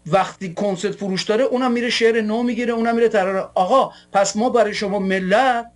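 A man's voice: sits high, fairly even intonation. A man from Iran hosting a political show, delivering a combative monologue in a taunting, mocking way. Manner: taunting, mocking, rants with scornful laughs.

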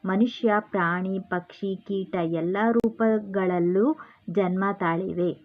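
A woman teacher with a Kannada accent works through a school lesson at an unhurried pace. She reads each line, then says it again in plain, loose talk. The sound is thin and narrow, like a phone line. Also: mid-range voice, steady tone. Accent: Kannada, Karnataka. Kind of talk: reading a lesson aloud and explaining it.

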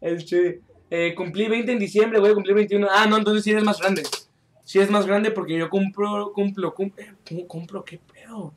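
Man, young, high-pitched, joking, chatty, live game stream. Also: fairly even intonation, normal speed, a little hiss or hum. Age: young adult. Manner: chatty, joking, reads chat aloud and calls out mid-game. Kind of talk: live gameplay stream chat.

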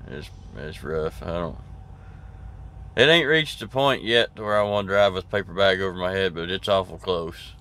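Easygoing trucker talking low. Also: male voice, expressive, normal speed, fairly bright tone. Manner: rambling, easygoing, drawls, many fillers and restarts. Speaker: trucker vlogger. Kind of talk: casual vlog chat to camera. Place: parked truck cab. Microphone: camera at arm's length.

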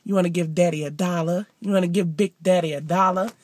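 A woman's voice: lowish voice, steady tone, fast talker, dry recording, close to an everyday voice. A woman imitating a brash male panhandler at a car window, cajoling and repeating himself. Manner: cajoling, repetitive.

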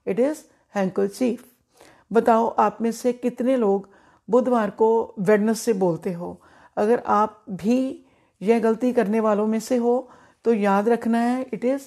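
A middle-aged woman, a former principal and English teacher, giving a careful pronunciation lesson and repeating each word slowly. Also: fairly high pitch, mellow.

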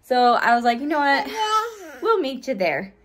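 A woman's voice: on the high side, normal speed. Chatty young mother vlogging at home. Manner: chatty, expressive, laughs easily. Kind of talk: casual vlog chat. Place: bedroom in a home. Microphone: phone at arm's length.

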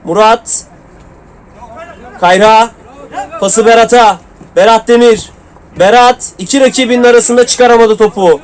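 A man's voice: very high-pitched, measured pace, pauses often. A man giving live play-by-play commentary on an amateur football match, calling out player names in short clipped bursts. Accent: Turkish.

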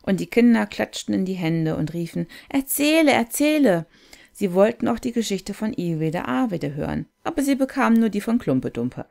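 Woman, storybook reader, gentle and unhurried, calm contemplative read-aloud. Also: mid-range voice, vocal fry. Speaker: reader of a fairy tale.

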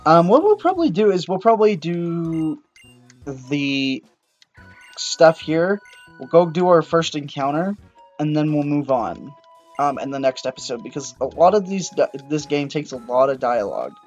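A young man talks through a video game in a loose, rambling way and keeps breaking into excited yelps. His voice sits a little high for a man. Faint game music plays under him. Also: normal speed, highs cut off. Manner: casual, rambling, excitable outbursts. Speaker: gaming channel host. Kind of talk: let's-play commentary.

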